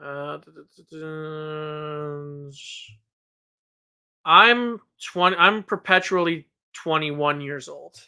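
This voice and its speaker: A man in his thirties chats casually on a fan podcast. His voice is bright and clear. He rambles, restarts his sentences and pokes fun at himself. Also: a little high, steady tone, very slow, long pauses. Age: 30s. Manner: rambling, self-deprecating, with frequent restarts and laughs. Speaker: podcast co-host. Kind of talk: casual chat.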